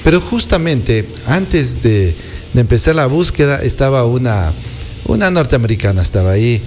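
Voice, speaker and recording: Man, an unhurried anecdote teller with a mid-range voice, faint music behind. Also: medium pitch, very animated. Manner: unhurried, meandering storyteller. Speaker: guest, an architect. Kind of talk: casual anecdote telling.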